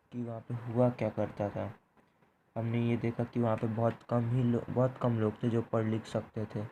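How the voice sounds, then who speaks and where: Male tutor, flat, mellow delivery, repeats each point, faint background hum. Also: medium pitch, poor audio. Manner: repeats points, ends phrases with "theek hai". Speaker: teacher. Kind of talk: explaining a history lesson.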